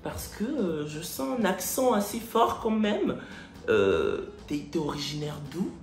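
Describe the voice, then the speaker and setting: A patronizing male recruiter who asks measured questions with polite condescension, as a man puts him on. The voice sits fairly high but is dropped a little. It rings in an echoey room with faint music underneath. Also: very animated. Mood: condescending.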